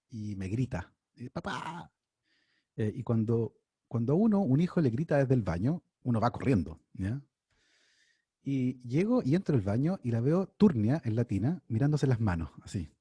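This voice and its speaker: Lively, husky-voiced Chilean man. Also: mid-range voice, dry recording. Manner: lively, anecdotal, voices his own quoted lines. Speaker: invited speaker, scientist and author. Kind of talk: casual storytelling talk.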